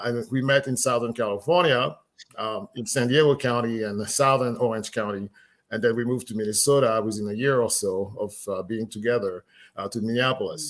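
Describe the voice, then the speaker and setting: Middle-aged man, unhurried with fillers. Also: medium pitch. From Ivory Coast and France. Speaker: guest. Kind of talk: casual conversation.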